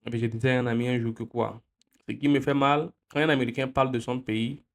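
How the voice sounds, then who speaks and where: A man's voice: medium pitch, fairly even intonation, fast talker. A man from Benin, giving an impassioned political commentary full of repeated phrases and rhetorical questions. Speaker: video commentator.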